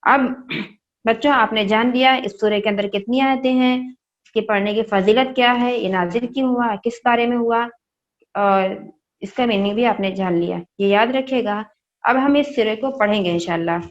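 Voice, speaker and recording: In an online class recorded on her own mic with dull audio, a woman with a fairly high voice teaches children Quran recitation at a moderate pace. She patiently spells out each sound and asks them questions.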